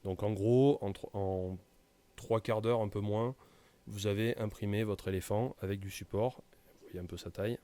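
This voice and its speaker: Man, low mellow voice, casual tutorial, lots of ums. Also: steady tone, moderate pace. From France. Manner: casual, many hesitations and fillers. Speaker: tutorial presenter. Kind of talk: screen-recorded software tutorial.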